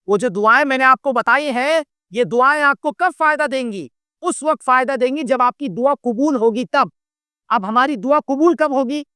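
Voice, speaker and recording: A man delivers a sermon in a high, bright voice that stays smooth and clear. He keeps asking the crowd questions and answering them himself. The sound is dry and close, with slow, careful Arabic recitation. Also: no echo. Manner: recites Arabic supplications slowly and deliberately. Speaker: Islamic preacher. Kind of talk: sermon lecture to a gathering.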